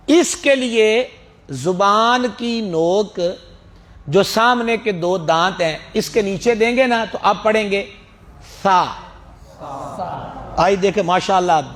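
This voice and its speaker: Male religious teacher, high voice; slow chanted letter drills, teasing asides. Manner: friendly teasing asides to students. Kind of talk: Quran recitation lesson.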